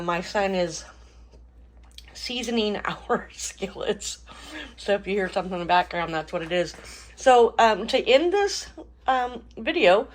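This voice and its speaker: A woman's voice: mid-range voice, slight background noise. A middle-aged woman hosting a home cooking video, chatting casually with lots of fillers and small laughs. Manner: chatty, relaxed, many fillers and little laughs. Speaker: cooking channel host. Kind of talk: casual kitchen vlog narration. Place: home kitchen.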